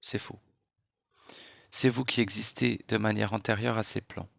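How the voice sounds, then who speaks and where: A man giving a late-night spiritual monologue in a hushed, unhurried voice, lecturing and posing rhetorical questions. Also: lowish voice, steady tone, vocal fry, no echo, clean studio sound. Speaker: spiritual speaker.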